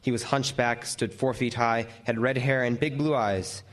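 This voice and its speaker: This lighthouse keeper's tale of a frightful night comes from a man with a natural, medium-pitched voice and fairly even intonation. It's dramatic first-person narration in old-time radio horror style: brooding, vivid and deliberate, with lingering descriptions.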